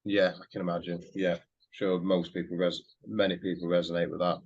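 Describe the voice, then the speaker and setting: A man hosting a podcast, talking casually and hesitantly, thinking aloud with many pauses. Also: deep voice, flat delivery. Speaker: podcast host. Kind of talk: casual conversational interview. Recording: slightly dull lo-fi audio.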